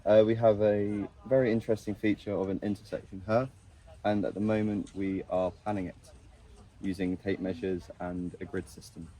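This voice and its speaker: A young man, an archaeology student, describing his trench clearly with a few fillers. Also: lowish voice, flat delivery, normal speed, dark tone, low-quality recording. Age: young adult. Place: outdoor excavation trench.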